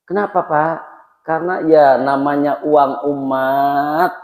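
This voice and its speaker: A middle-aged man from Indonesia preaching a dawn lecture in a mosque, telling stories with lively acted-out voices. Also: takes it slowly. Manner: animated storytelling, acting out voices with big pitch swings. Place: mosque hall. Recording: echoey mosque hall.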